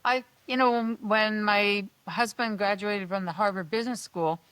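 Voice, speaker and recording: A woman hosting a relaxed interview chat, often agreeing and adding her own experiences. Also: medium pitch, moderate pace, smooth, no echo, rough recording. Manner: agreeable, with frequent short affirmations. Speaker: podcast host.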